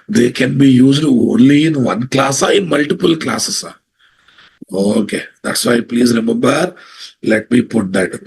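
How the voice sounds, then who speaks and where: A man's voice: medium pitch, vocal fry, a little hiss or hum. A man with a Telugu Indian English accent teaching an informal live online class as an instructor, repeating phrases and checking understanding with questions. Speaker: software instructor.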